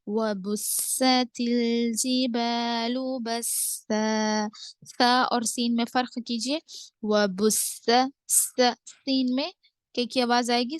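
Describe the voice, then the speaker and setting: A woman with an Indian Urdu accent teaching tajweed, explaining the rules step by step and reciting verses in slow, drawn-out phrases. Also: on the high side, fairly even intonation, no room sound. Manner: methodical, drawn-out recitation between brisk explanations. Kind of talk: tajweed lesson, explaining then reciting slowly.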